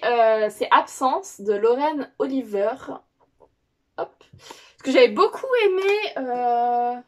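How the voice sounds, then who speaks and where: A young woman chats on camera about her new books, rambling and correcting herself as she goes. Her voice sits a little high for a woman, with lots of filler sounds between thoughts. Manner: rambling, many fillers and restarts; chatty, self-correcting. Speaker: book vlogger. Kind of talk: casual unboxing chat.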